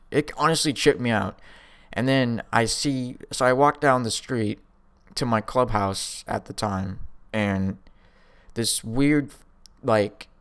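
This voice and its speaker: A young man with a smooth, lowish voice tells a first-person story like a vlogger, rambling and slangy, often chuckling as he talks.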